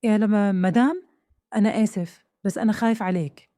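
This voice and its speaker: A woman's voice: medium pitch, fairly quick, warm tone, no echo, studio quality, close to an everyday voice. A woman voicing a nervous foreign servant man. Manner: simple broken phrasing, pleading. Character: male foreign house servant, nervous, broken Arabic. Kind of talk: storytelling dialogue.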